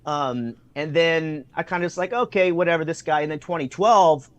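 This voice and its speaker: A man's fairly bright, somewhat high voice comes through a dry recording at normal speed as he guests on a video call. He tells interview stories eagerly, leans on fillers, and performs people's quoted words.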